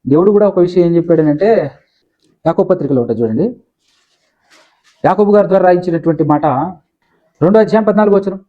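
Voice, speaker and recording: A man's voice: high-pitched, fast talker, pauses often. A man preaching a sermon as pastor, explaining scripture in plain everyday speech and homely stories. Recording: dull lo-fi sound.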